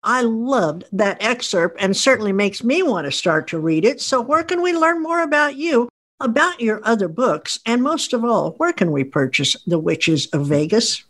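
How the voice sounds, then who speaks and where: A woman's voice: a little high, animated, normal speed, fairly bright tone. A woman interviewing an author, asking questions with enthusiasm.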